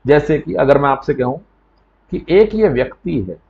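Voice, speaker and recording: A man's voice: on the high side, expressive, normal speed, gravelly, warm tone, muffled recording. A man teaching an exam coaching lecture in a conversational way, often checking with "right?" as he explains.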